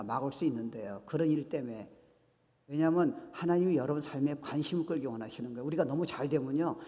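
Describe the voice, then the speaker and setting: Animated male pastor in echoing sanctuary. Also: a little high. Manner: animated storytelling, acts out dialogue, mixes English phrases. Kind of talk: sermon. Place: church sanctuary. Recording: reverberant church sanctuary.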